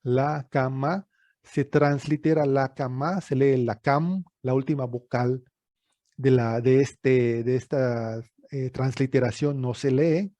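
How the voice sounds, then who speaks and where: A man's voice: mid-range voice, warm tone, no room sound. A man from Yucatán, Mexico, with a Yucatecan Spanish accent, giving a recorded lecture as an archaeologist, explaining step by step with frequent fillers and check-in questions.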